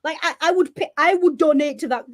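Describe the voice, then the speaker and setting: Blunt woman cohost ranting about the news, high voice, animated. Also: fairly quick, no room sound, clean studio sound. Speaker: podcast co-host. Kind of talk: casual commentary chat.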